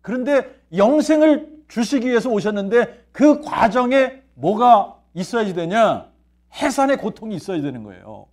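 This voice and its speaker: Preaching in a church sanctuary, a pastor speaks at a normal speed in a high-pitched, sing-song voice that's a little mellow. His sermon features rhetorical questions he answers himself and key phrases said over and over.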